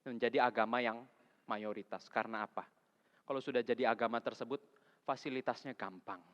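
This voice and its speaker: A man preaching a sermon as a vicar, in a colloquial way that swings between loud emphasis and soft asides. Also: medium pitch, steady tone, brisk. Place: church sanctuary. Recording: echoey hall, dull lo-fi sound.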